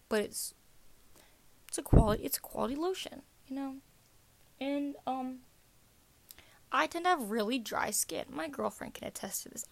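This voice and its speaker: A teenage girl rambles through a casual podcast monologue, chatty and self-mocking as she hops from one topic to the next. Her voice sits a little high and carries a gravelly fry. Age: teens. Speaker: podcast host.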